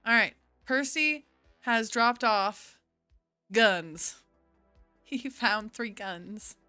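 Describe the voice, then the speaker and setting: A woman with a relaxed, giggly manner narrating a solo tabletop game. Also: fairly high pitch, very slow, smooth, faint music behind.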